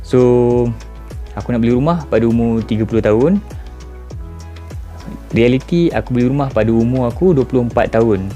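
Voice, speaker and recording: A man's voice: medium pitch, moderate pace, pauses often, mellow, muffled recording, soft background music. A man in his twenties with a Malaysian Malay accent, talking casually and reflectively to his viewers and asking them rhetorical questions. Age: 20s. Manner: informal, addresses viewers directly with rhetorical questions. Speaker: vlogger. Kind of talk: casual reflective monologue to camera.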